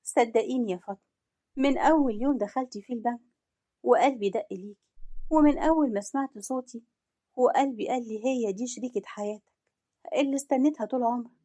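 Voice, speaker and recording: A smooth, sly husband in an audio story, all sweet talk, as a woman narrator voices him. Egyptian accent, fairly high voice. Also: quick pace, warm tone, close to an everyday voice. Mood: tender.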